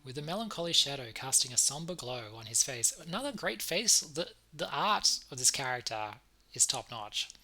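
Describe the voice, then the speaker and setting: A man's voice: medium pitch, animated, moderate pace, pushed and bright. A man hosting a let's play, reading a visual novel aloud and breaking off for wry, stop-start casual commentary. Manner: stop-start, repeats words, wry asides.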